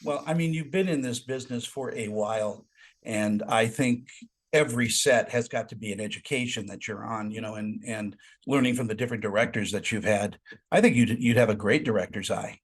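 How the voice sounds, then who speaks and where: A man's voice: lowish voice, brisk, husky. A man hosting a celebrity interview, asking friendly, encouraging questions with occasional stumbles. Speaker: interviewer, host.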